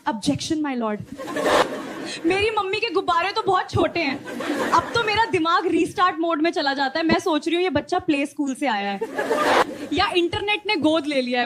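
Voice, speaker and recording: Brief: high-pitched woman joke teller, noisy recording, brisk storytelling. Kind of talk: scripted joke narration.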